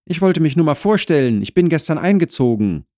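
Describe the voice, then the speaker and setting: A man's voice: fairly high pitch, sing-song, fairly quick, dark tone, dry recording, studio quality, pitched above the performer's own voice. A man voicing an eager, polite, somewhat awkward young student in a comic audiobook.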